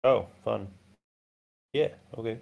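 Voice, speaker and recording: A man's voice: lowish voice, slow pace, creaky, a little mellow. A man chatting casually as a player in a tabletop role-playing game.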